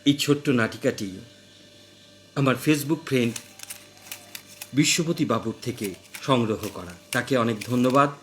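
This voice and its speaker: A man's voice: medium pitch, unhurried, long pauses, a bit bright, a little hiss or hum. A man narrating a comic short story with dry, wry asides.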